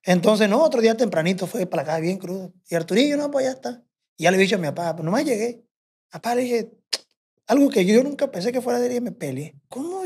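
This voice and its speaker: Husky Sinaloan man telling a rowdy story. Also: high-pitched, darkish tone. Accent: Sinaloan Mexican Spanish. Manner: rambling, profane, quotes himself and others. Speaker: podcast guest. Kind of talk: casual storytelling.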